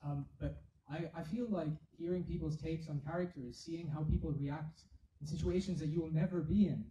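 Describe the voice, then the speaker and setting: A man with a slightly high but very mellow voice answers on a film panel. He is measured and a little hesitant. He sounds far from the mic, in an echoey room. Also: steady tone, slight background noise. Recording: distant, echoey.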